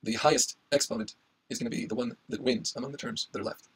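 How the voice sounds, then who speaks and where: A man giving an informal tutorial as an instructor, with a husky, strained voice that is giving out. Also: mid-range voice, fairly even intonation, fast. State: losing his voice, hoarse. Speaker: instructor explaining algorithm analysis.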